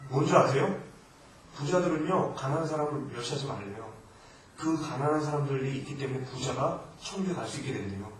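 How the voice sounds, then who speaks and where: A male missionary preaching a sermon in Korean to a congregation, alternating loud emphatic exhortation with quieter asides. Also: mid-range voice, animated, brisk, a crowd in the background. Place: church sanctuary. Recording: echoey church hall from far off, faint noise.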